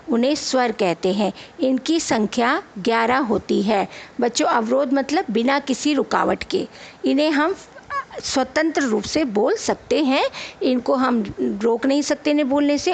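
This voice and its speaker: A woman's voice: sits high, gravelly. A woman teacher giving a grammar lesson to children, spelling out letters one at a time and answering her own questions. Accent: Hindi. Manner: asks the children questions, then answers them herself. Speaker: school teacher.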